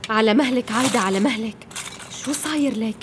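An actress dubbing, in a Levantine Arabic accent, an anxious young wife who talks tensely and in hushed tones. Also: female voice, a little high, quick pace, very noisy, close to an everyday voice. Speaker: dubbing actor.

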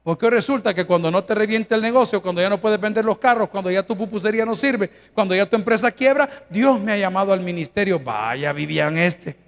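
A man preaching a sermon as pastor, firing rhetorical questions and swinging from hushed to shouting. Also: high-pitched, a little fast, few pauses.

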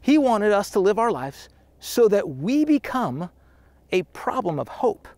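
This pastor, a man in his thirties, delivers a sermon on an outdoor trail in a high, sing-song, slightly mellow voice at a measured pace. His manner is earnest and chatty, full of restarts, and there's no echo.

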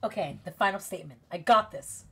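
A woman streamer reading a dating game aloud, calm when she narrates and gushing, joking and excitable when she reacts. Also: medium pitch, fairly quick, husky.

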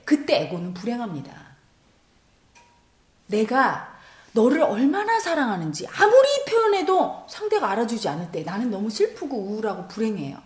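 A woman with a high, wildly swooping voice gives a spiritual meditation lecture. She is expressive and now and then sinks into a hushed whisper. The sound is roomy and echoing. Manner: expressive, sometimes drops to a whisper. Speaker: meditation teacher.

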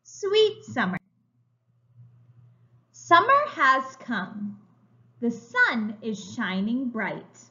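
This woman reads a story to small children very slowly, pausing often, her high, bright voice rising and falling dramatically with strongly stressed words, much like a preschool teacher. She's indoors in a room at home, and the webcam recording sounds a bit muffled and lo-fi.

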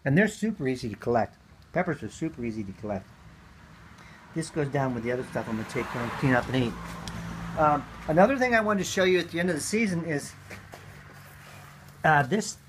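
A man's voice: on the high side, lively intonation, a little fast, long pauses, a little hiss or hum. Folksy man teaching seed saving. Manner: folksy, chatty, many ums and uhs. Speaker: gardening teacher. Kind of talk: casual hands-on demonstration.

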